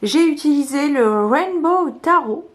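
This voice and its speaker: A woman's voice: high voice, expressive. A woman casually showing her favourite tarot cards, talking hesitantly with many fillers. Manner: slow, soft-spoken. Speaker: tarot vlogger.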